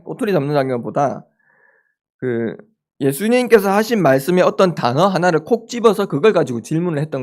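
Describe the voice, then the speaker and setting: A man giving a chapel sermon to a live audience, animated, joking with listeners and acting out the disciples' questions. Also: on the high side. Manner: animated, acts out the disciples' questions in lively voices; jokes with the audience. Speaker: campus ministry speaker.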